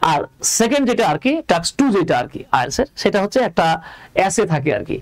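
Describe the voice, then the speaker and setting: A man's voice: high voice, big pitch swings, quick pace, dry recording. A Bangladeshi man teaching English in a live online class, explaining step by step and asking his students questions.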